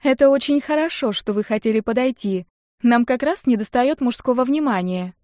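Woman playing a flirty jealous friend, higher voice, storybook audiobook, no room sound. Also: moderate pace, a little mellow, dry recording, studio quality, close to an everyday voice. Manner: coquettish, later sulky.

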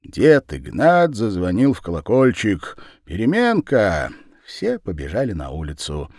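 Low-voiced man reading a children's tale. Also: moderate pace, dry recording, clean studio sound. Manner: expressive, sing-song reading for children. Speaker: narrator. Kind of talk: storybook narration.

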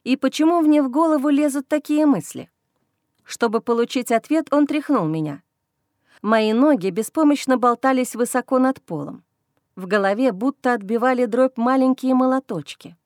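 Woman narrating a fantasy audiobook, higher voice. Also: normal speed, darkish tone, dry recording, clean studio sound.

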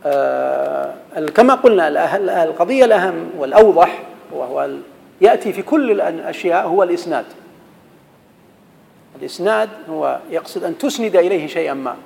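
A man's voice: on the high side, lively intonation, quick pace, vocal fry, darkish tone, in a large hall, rough recording. A man teaching an Arabic grammar lesson, quizzing his students and reciting verse. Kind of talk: classroom lesson.

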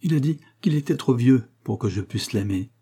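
A man's voice: medium pitch, animated, moderate pace, dark tone, slightly rough. A man reading an audiobook voices an earnest, lovesick young woman in a raised, pleading tone. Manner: emotional, pleading.

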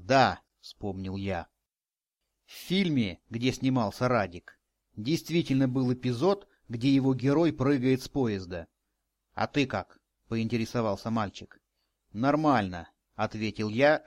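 A man narrating a first-person audiobook in a measured, wry storytelling manner. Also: mid-range voice.

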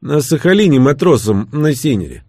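A man's voice: mid-range voice, big pitch swings, normal speed, warm tone, no room sound, studio quality, voice pushed up. A man voicing a sly, teasing middle-aged former commando who now owns a hotel. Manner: brash, teasing, boastful.

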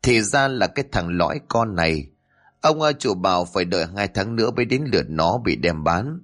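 A man's voice: deep voice, animated, fairly quick, a bit bright, faint music behind. A man voicing a cold, brutal male gang leader in a spoken story, with a menacing delivery.

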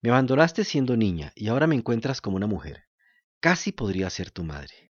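A man voicing a kind, patient, motherly fairy woman who speaks softly and scolds gently. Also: fairly low pitch, fairly quick, dry recording, highs cut off. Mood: gentle. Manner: calm soft-spoken, gently scolding.

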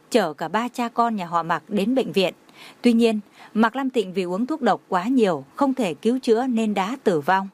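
A woman's voice: medium pitch, darkish tone. A woman reading a romance novel aloud as a narrator, voicing every character's lines in her own voice. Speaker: audiobook narrator.

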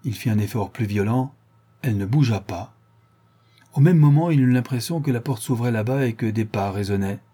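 A man narrating a classic adventure novel in a measured, dramatic way. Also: mid-range voice, warm tone, husky. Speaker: audiobook narrator. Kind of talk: scripted narration.

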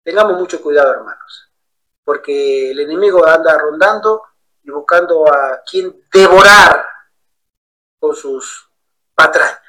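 A man preaching in a sermon-style Bible study, telling stories in an animated way. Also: on the high side, unhurried, long pauses, low-quality recording. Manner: animated storyteller acting out quoted voices.

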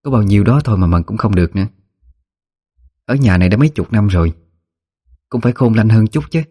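A man voicing a sharp-tongued middle-aged wife who nags her servant, in a storybook reading. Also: mid-range voice, expressive, very fast, slightly rough, voice pushed up. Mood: nagging. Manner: sharp, nagging. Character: shrill scolding middle-aged wife of the house.

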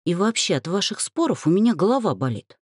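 A woman's voice: fairly low pitch, sing-song, a little fast, breathy edge, dry recording, studio quality, pitched above the performer's own voice. A woman as a glum young student heroine. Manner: glum, grumbling.

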